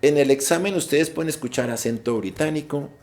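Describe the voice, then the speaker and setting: A man's voice: on the high side, fairly quick, darkish tone. Emphatic man explaining exam facts. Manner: emphatic, repeats key points. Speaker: IELTS presenter. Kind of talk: informative online session.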